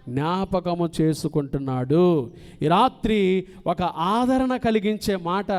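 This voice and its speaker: Male pastor, middle-aged, high voice, fervent call-and-response sermon delivery. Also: smooth. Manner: impassioned preaching, asks the congregation questions and answers them; swings between loud cries and quiet low lines.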